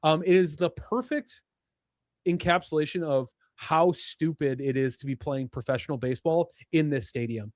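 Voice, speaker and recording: A man's voice: on the high side, moderate pace, no echo, clean studio sound. A young man co-hosting a sports podcast, ranting in casual chat with lots of fillers. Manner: animated, ranting, many fillers. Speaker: podcast co-host.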